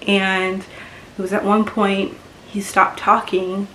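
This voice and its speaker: A woman telling a personal story-time vlog, halting and full of fillers, sometimes getting emotional. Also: medium pitch, level tone, bright, forceful tone. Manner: halting, lots of fillers and restarts, emotional at times. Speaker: beauty vlogger. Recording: echoey room with faint background noise.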